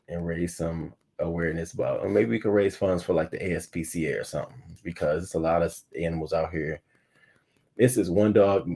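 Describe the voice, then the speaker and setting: Husky deep-voiced man in his thirties. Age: 30s. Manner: loose, profane and animated, often bursting louder. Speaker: host of a livestream morning show. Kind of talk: casual livestream chat.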